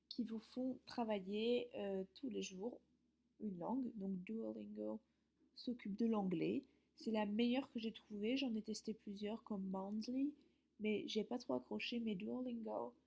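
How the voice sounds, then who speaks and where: Gravelly-voiced woman teacher giving tips. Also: medium pitch, mellow. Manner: friendly, explanatory, some hesitations. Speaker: English teacher. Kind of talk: giving study tips to camera.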